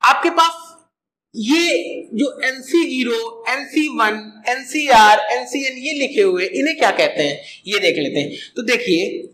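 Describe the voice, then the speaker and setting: A man's voice: very high voice, lively intonation, measured pace, bright, forceful tone, roomy sound, rough recording. A man teaching a math lesson, explaining step by step and asking and answering his own questions.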